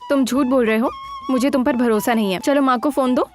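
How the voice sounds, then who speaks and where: An actress playing an insistent, scolding young wife in a Hindi film dub. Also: female voice, high-pitched, brisk, faint music behind, close to an everyday voice. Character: bossy loving young wife.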